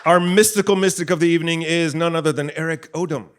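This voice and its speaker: On a theatre stage before an audience, a man hosts and narrates a live audio play. His voice is a little high and steady, and he speaks fast over a very noisy crowd.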